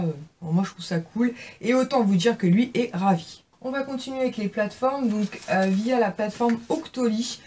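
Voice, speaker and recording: A young woman in a casual haul video, chatting warmly about gifts, with many fillers and restarts. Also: mid-range voice, a little hiss or hum. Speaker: beauty vlogger.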